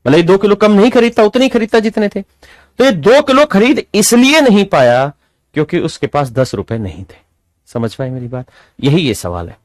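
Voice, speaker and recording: Guy teaching maths, kinda high voice, dry close sound, keeps asking the kids if they get it. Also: no echo. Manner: lively, calls students "my dear children", rhetorical questions. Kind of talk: classroom maths lesson.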